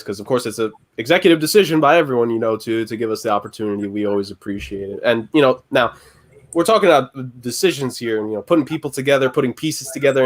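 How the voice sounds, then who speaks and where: A man co-hosting a sports podcast, chatting casually and steering the talk along. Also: mid-range voice. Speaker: podcast co-host.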